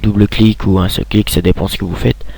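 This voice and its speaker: A man's voice: on the low side, flat delivery, a little fast, creaky, dark tone, slightly rough, no echo. A young man giving a casual screen tutorial, rambling with many hesitations and restarts, talking into a computer mic at home.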